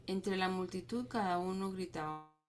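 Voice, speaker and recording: A woman reading scripture aloud to a group, steady but with small stumbles and restarts. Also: on the low side, normal speed, faint music behind. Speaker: Bible reading leader.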